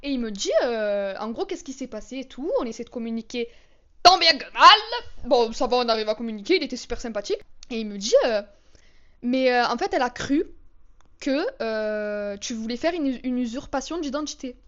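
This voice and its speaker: A woman's voice: fairly high pitch, animated, fairly quick, a bit bright, highs cut off. A young woman telling storytime anecdotes in a chatty, slangy, dramatic way. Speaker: vlogger. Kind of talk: casual storytime vlog.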